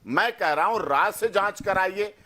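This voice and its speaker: A man's voice: high-pitched, lively intonation, normal speed, sharp tone. A man, a lawyer on a TV debate panel, arguing in an emphatic, repetitive, rhetorical way. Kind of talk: heated TV debate argument.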